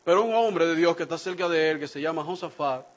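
High-voiced animated preacher man. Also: fast, lo-fi sound. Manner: animated, acts out quoted speech with shifting voices; addresses the congregation directly. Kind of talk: sermon.

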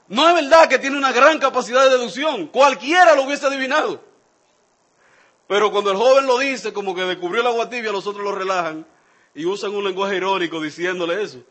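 Preacher guy, pretty high voice, lively, talks straight to the congregation. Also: brisk. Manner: animated, acts out quoted speech with shifting voices; addresses the congregation directly. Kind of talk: sermon.

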